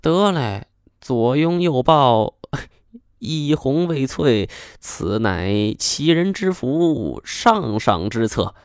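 A man voicing a sly, smug middle-aged male schemer in an audiobook, wheedling and teasing, with drawn-out sayings. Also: mid-range voice, expressive, no room sound, clean studio sound. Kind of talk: audiobook character voice.

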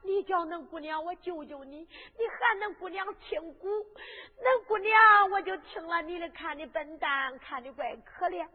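A woman's voice: very high-pitched, normal speed, hardly any pauses. A woman storyteller voicing a proud young fairy maiden who scolds indignantly in a Henan accent. The recording sounds tinny, with long hall reverb. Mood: reproachful. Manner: indignant, reproachful.

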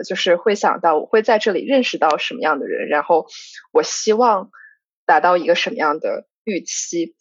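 A woman's voice: mid-range voice, breathy edge, dry recording. A woman co-hosting a podcast, reflecting and thinking aloud in casual chat. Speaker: podcast co-host. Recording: dry, dull lo-fi sound.

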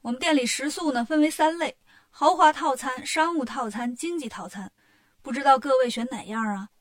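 A woman's voice: high voice, normal speed, dry recording, studio quality, close to an everyday voice. A woman playing a bustling, chatty innkeeper auntie. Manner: bustling, chatty, loud when calling out. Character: chatty middle-aged innkeeper woman, eager to sell.

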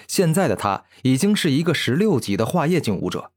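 Expressive male audiobook narrator. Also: mid-range voice, fairly quick, slightly rough. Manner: expressive storytelling. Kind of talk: web novel narration.

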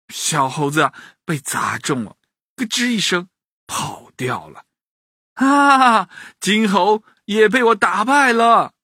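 A man narrating a children's bedtime story, lively and speaking to the kids directly. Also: on the high side, breathy edge, no echo, clean studio sound.

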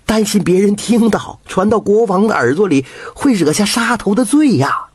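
A man voicing a doting, worried old peasant couple who fret over their son, with a husky voice. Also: high voice, expressive, moderate pace, no room sound, voice pushed up. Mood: fretful. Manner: fretful and fond.

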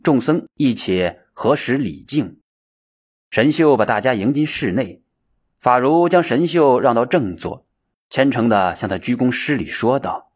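A man narrating a story in a steady, descriptive manner. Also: mid-range voice, husky.

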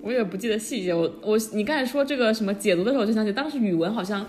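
A woman's voice: medium pitch, lively intonation, rapid-fire, darkish tone, soft background music. A young woman co-hosting a podcast, chatty and laughing often in casual conversation. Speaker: podcast co-host. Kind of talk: casual chat.

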